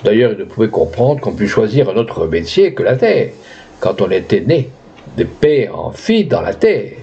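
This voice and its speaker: A man narrating a classic tale aloud in an expressive storytelling manner. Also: lowish voice, normal speed, vocal fry, husky, dull audio. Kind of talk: audiobook reading of a classic tale.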